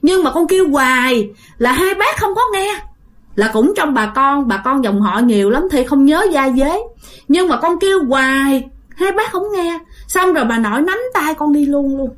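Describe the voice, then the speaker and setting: A woman with a high-pitched, animated voice tells a ghost story at a normal speed. She keeps it casual and chatty, speaking directly to her listeners and using lots of fillers.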